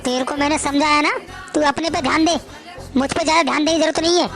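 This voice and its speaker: A woman's voice: high-pitched, steady tone, fast, vocal fry, a bit bright, faint music behind. A woman voicing a drunk, short-tempered young husband who scolds harshly. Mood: angry.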